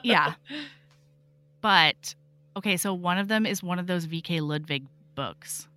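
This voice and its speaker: At a measured pace and a lowish pitch, a woman chats as a podcast guest, with no echo on the recording. She's animated and swears freely, retelling stories and voicing characters from books.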